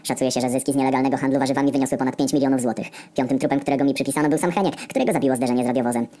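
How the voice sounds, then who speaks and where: A male narrator reads a comedic story at a brisk, rapid clip. His voice is dark and mellow, and his delivery stays deadpan and wry, peppered with coarse swearing. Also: mid-range voice.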